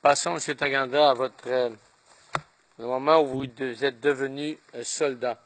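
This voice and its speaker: A man questioning a witness in court, measured and formal. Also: medium pitch, steady tone, fairly bright tone. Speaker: lawyer questioning.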